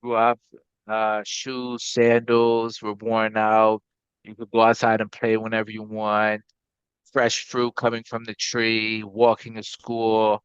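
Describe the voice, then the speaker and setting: Speaking slowly in a lowish, clear, resonant voice, this man delivers everything completely flat. Originally from Guyana and later living in Maryland, he's a company CEO giving casual explanations as an interview guest. The recording is dry, lo-fi, and slightly dull.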